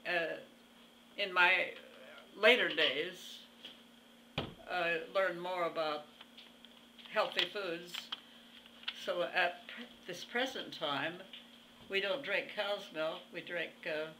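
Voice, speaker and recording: Very old woman, slow and halting. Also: fairly low pitch, bright, forceful tone, a little hiss or hum, poor audio. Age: over 100. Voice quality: very old, aged voice. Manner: halting, pauses mid-phrase, plainspoken. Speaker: interview guest. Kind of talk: reminiscing in conversation.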